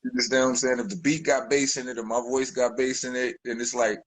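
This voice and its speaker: This guest rapper talks fast but in a level tone, his deep, husky voice captured on a dry recording. It's a casual interview, and he rambles with plenty of fillers and restarts.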